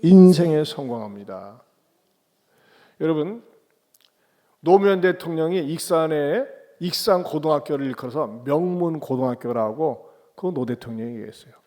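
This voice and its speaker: A man's voice: fairly high pitch, moderate pace, a little mellow. A middle-aged male pastor preaching a sermon in a church, emphatic, with rhetorical questions and call-and-response. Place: church sanctuary.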